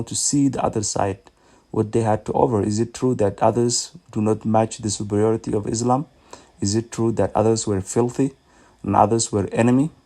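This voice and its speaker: Low gravelly man with Somali accent. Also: mellow. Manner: earnest, measured, slightly halting. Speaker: ministry speaker. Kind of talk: personal faith testimony.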